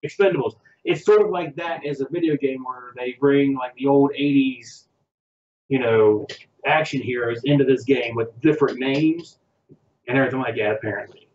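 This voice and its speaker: A man's voice: mid-range voice, normal speed, darkish tone, roomy sound, lo-fi sound. A man co-hosting a casual podcast chat, rambling and hesitant as he goes down a list. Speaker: podcast co-host.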